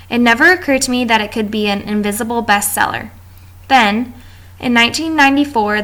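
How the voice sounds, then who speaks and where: A woman's voice: medium pitch, a bit bright. A woman reading a class presentation aloud from notes, with small stumbles and restarts. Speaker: student presenter.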